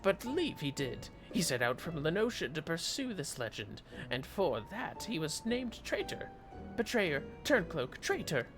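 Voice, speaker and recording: A man's voice: fairly high pitch, big pitch swings, measured pace, music in the background, voice pushed up. A man voicing a fussy, proud kobold mage in a fantasy game, who keeps repeating words as strings of synonyms. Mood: proud, emphatic. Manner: compulsively repeats synonyms in threes. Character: fussy, excitable male kobold mage, proud of his ancestry.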